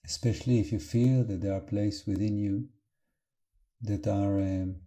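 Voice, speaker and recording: With a voice on the low side, a man teaches an unscripted guided meditation, gently and calmly. He speaks haltingly and leaves long pauses.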